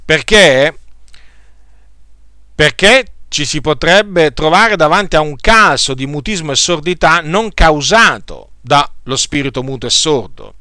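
Casting a man as a hesitant preacher: slightly high, dry close voice with many pauses and restarts. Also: animated, sharp tone, no echo. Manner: hesitant, halting, many filler sounds and restarts; addresses listeners directly. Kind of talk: teaching sermon with scripture reading.

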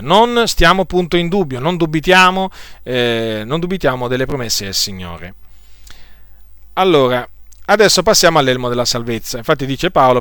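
A man preaching a sermon to his congregation in a deliberate way, often pausing on hesitation fillers and repeating phrases. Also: a little high, bright, forceful tone, clean tone, no echo, studio quality.

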